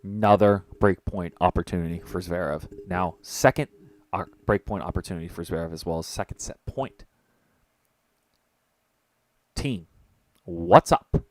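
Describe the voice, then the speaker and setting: A young man giving casual live-stream tennis commentary from home, chatty and excitable, joking with people in the room. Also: deep voice, measured pace, long pauses.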